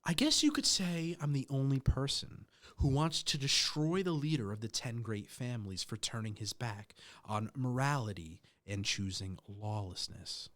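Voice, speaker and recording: A man's voice: medium pitch, expressive, moderate pace, fairly bright tone, lightly acted. A man reading aloud as a weary, defiant young male fighter, speaking in a bitter, exasperated way. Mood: grave.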